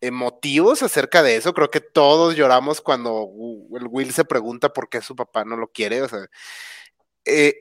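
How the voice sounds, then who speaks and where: A man's voice: medium pitch, moderate pace, no room sound, studio quality. A man from Mexico with a Mexican Spanish accent, co-hosting a casual chat and joking often. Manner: joking, laughs between remarks. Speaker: podcast co-host.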